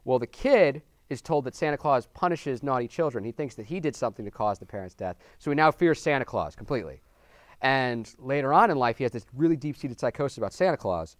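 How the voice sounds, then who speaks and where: A man co-hosting a movie talk show, riffing on films and calling out to viewers as folks. He talks fast, and the sound is dry and close. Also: mid-range voice, lively intonation, no echo. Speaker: film show co-host. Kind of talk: casual movie review chat.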